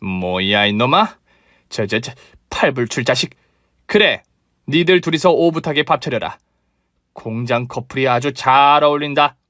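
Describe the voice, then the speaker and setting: A man's voice: mid-range voice, animated, measured pace, fairly bright tone, no echo. A domineering older mother-in-law, voiced by a male reader, barking orders and scolding in a commanding tone. The reading is dry and close, in a storybook drama. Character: bossy newly rich older mother-in-law, haughty and scolding.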